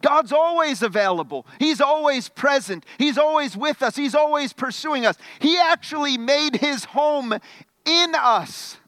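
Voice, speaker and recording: High bright-voiced male pastor preaching. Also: animated, unhurried, no echo. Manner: repeats words at the start of phrases, conversational preaching; swings between loud emphatic bursts and quiet questioning. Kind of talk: sermon.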